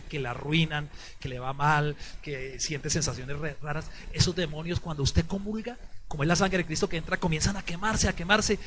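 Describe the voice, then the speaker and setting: A man preaching a sermon as a priest, swinging from hushed to loud. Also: on the high side, slight background noise. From Colombia. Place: church.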